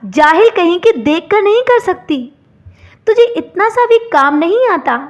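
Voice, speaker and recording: A woman's voice: very high voice, very animated, unhurried, dull audio, exaggerated voice. Woman doing a harsh angry young husband. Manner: harsh, insulting.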